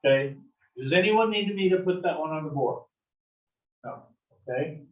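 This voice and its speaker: In an echoey classroom, caught on a distant mic with dull audio, a slightly high-voiced man from the south-central US lectures on algebra at normal speed. He's expressive and folksy, cracks corny jokes and keeps checking with "right?".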